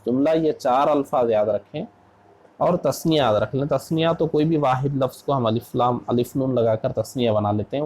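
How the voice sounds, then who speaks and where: A man's voice: medium pitch, mellow, low-quality recording. A man from India, an Islamic scholar teaching an Arabic grammar lesson, who patiently repeats each word form to drill it.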